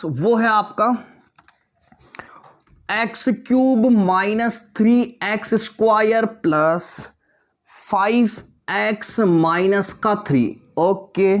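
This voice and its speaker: Chatty young man teaching maths. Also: sits high. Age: 20s. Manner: coaxing, keeps asking students if they understood; calls pupils "beta" and "bhaiya", joking asides. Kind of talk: online class lecture.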